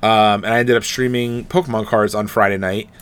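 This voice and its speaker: Young male co-host, bright voice, playful and animated. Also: fairly low pitch, brisk, clean tone. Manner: animated, jokey, puts on silly voices for his dog. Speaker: streamer and podcast co-host. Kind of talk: casual chat.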